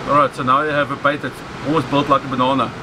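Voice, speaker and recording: A man in his forties with a South African accent, teaching fishing on a beach in a relaxed, practical way. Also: mid-range voice, quick pace. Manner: relaxed, practical explaining with many "so" and "okay". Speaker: fishing instructor. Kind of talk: outdoor how-to demonstration. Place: open beach by the surf. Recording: loud surf and wind noise. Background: crashing waves.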